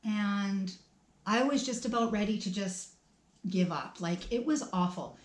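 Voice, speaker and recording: A middle-aged woman tells a personal story in a casual vlog, lively and expressive. She laughs between lines and acts out her own thoughts. The voice sits at an ordinary pitch in a roomy, echoing space. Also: unhurried. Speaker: storytime vlogger. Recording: roomy echo.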